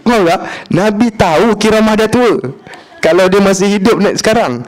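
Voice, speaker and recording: Malaysian male preacher, colloquial and playful, acts out the dialogue; voice sits a bit high. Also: moderate pace. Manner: lively, humorous, acts out dialogue; colloquial, mixes in English words. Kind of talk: religious lecture storytelling.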